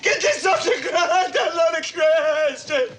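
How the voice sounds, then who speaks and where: A man's voice: very high-pitched, expressive, slow, shouting, very noisy, heavily acted. An actor playing a young man, a traumatized airman reliving a crash in a 1960s film, frantic, pleading and sobbing. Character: panicked young male bomber airman in a flashback.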